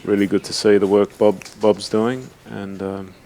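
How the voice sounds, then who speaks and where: A man's voice: lowish voice, little pitch movement, normal speed, warm tone, slight background noise. A man from Australia commentating a snooker match live, easygoing and prompting his co-commentator.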